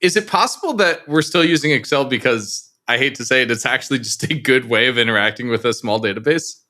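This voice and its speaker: A man's voice: mid-range voice, fast talker, sharp tone. A man co-hosting a podcast, wry and steering the talk toward closing questions. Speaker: podcast co-host. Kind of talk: casual interview hosting.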